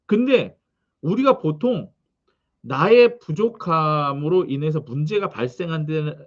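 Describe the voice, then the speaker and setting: A man preaching a sermon, reading scripture and telling its background in an animated way, with frequent questions to the congregation. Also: a little high, a little slow, muffled recording. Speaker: pastor.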